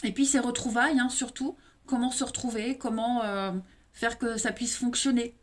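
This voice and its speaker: Lady w/ eastern french accent doing a tarot reading, pretty high voice, keeps going "hein" at viewers. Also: fairly even intonation, normal speed. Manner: addresses viewers directly, frequent tag "hein". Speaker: tarot reader. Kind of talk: monthly tarot card reading.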